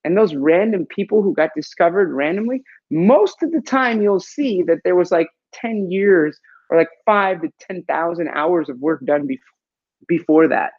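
A man from Los Angeles talking casually as a guest on a podcast, relaxed and chatty, often saying "man" and "like.". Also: sits high, normal speed, dry recording, dull audio. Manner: laid-back and chatty, says "man" and "like" a lot. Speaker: guest actor and musician. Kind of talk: casual interview chat.

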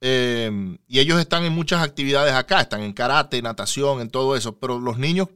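A man hosting a Spanish-language podcast interview, casual and halting, with lots of fillers and repeated words. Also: mid-range voice, bright, forceful tone, clean tone, dry recording, clean studio sound. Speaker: podcast host. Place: lives near Houston, Texas.

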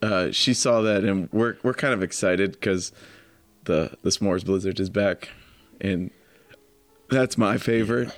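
Laid-back guy, low voice, agrees a lot, faint music underneath. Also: measured pace, dry recording. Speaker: podcast co-host. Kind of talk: casual chat.

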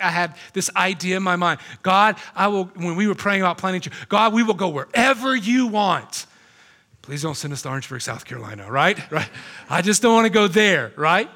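40ish guy preaching a sermon in a theater, high pitched, earnest, keeps saying right?. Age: 40s. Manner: earnest, animated preaching with frequent "right?" and restarts. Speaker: pastor. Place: theater used as a church.

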